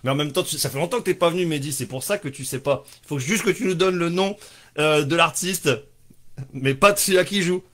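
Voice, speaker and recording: A man's voice: on the high side, a little fast, fairly bright tone. A man hosting a casual live stream, joking, rambling and swearing offhandedly as he reads out viewers' answers.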